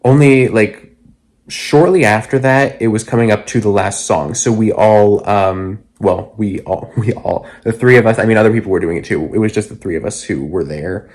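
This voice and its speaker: A man's voice: lowish voice, normal speed, darkish tone. A man casually narrating his concert vlog in voice-over, chatty and loose with fillers. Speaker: vlogger.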